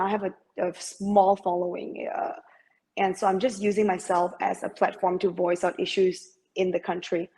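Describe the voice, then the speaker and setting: In this interview, the guest is a middle-aged masters swimmer from Malaysia who speaks hesitantly, full of fillers and false starts. Her voice is fairly low, creaky and dark, and the audio quality is poor.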